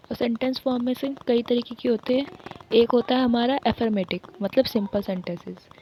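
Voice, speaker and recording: A woman with an Indian accent, a native Hindi speaker, teaching an exam-prep lesson. She reads English lines slowly, then explains them in Hindi. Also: a little high, darkish tone, a little hiss or hum, poor audio.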